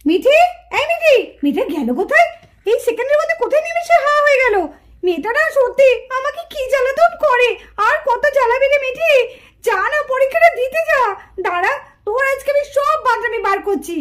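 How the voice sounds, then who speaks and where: Brief: woman as stern cartoon mum, high voice, scolding and threatening. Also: lively intonation, a little fast, fairly bright tone. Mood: angry, threatening. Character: strict, angry village mother with a stick. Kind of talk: puppet-show cartoon voice.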